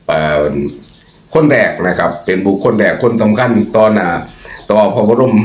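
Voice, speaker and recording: A man's voice: mid-range voice, a little mellow. Chatty Isan-accented man, roomy sound. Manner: chatty, jokey, laughs often. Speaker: host. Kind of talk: casual monologue. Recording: echoey room.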